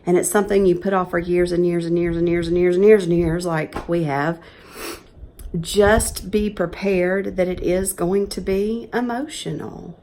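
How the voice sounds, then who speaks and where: A woman's voice: on the low side, fairly even intonation, moderate pace, mellow. A woman, talking earnestly and chattily to camera in a casual vlog. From Georgia, USA. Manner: earnest, chatty, emotional at times. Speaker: professional organizer vlogger.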